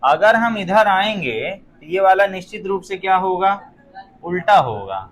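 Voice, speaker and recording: High-voiced male physics teacher lecturing a class. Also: sing-song, unhurried, fairly bright tone, a little hiss or hum. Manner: quizzing students with frequent rhetorical questions; joking asides. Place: classroom with students.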